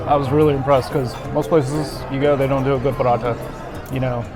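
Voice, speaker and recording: A man's voice: medium pitch, level tone, brisk. A man giving a casual food review to camera, savoring what he eats with delighted approval. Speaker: food vlogger. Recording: background music and crowd chatter.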